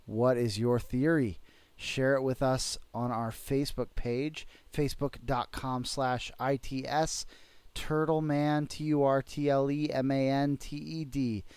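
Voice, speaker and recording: A father hosting a casual podcast, gently prompting his child with questions and then signing off with an upbeat reminder to listeners. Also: medium pitch, flat delivery, unhurried, smooth, no room sound.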